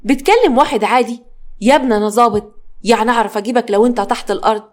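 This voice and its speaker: A woman's voice: fairly high pitch, racing, lightly acted. A woman with an Egyptian accent voicing an angry male police officer who commands and threatens. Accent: Egyptian Arabic. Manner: furious, commanding.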